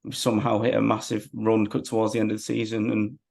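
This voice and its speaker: A man's voice: lowish voice, little pitch movement, fast talker, gravelly, a little mellow. A man, chatting casually as a football fan being interviewed.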